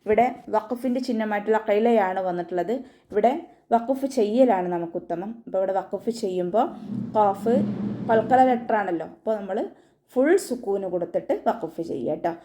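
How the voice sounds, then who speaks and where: A woman teaching Quran recitation rules in an online tajweed lesson, giving calm step-by-step instructions and often checking in with her listeners. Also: mid-range voice, a little fast. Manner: calm step-by-step instruction with frequent tag questions.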